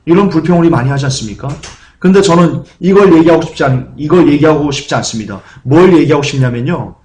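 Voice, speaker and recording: A man's voice: fairly high pitch, quick pace, darkish tone. A man preaching a sermon as pastor, earnest and emphatic, who acts out the grumbling of churchgoers.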